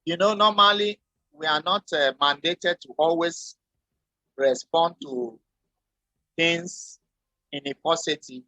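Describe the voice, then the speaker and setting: A man teaching a French lesson, explaining slowly and deliberately with spoken examples. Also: fairly high pitch, sharp tone, no room sound. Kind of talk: lecture.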